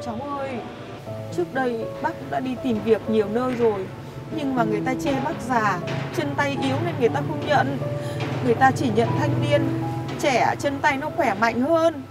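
A woman's voice: sits high, brisk, natural voice. An actress playing a poor elderly woman who sells lottery tickets, pleading and tearful, in a melodramatic web drama. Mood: humble. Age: older. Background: loud music.

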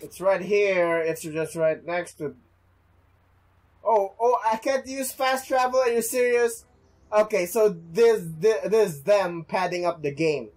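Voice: mid-range voice, unhurried, a little mellow. A gameplay commentator casually reacting to a game, swearing and complaining as they play. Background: game music and audio.

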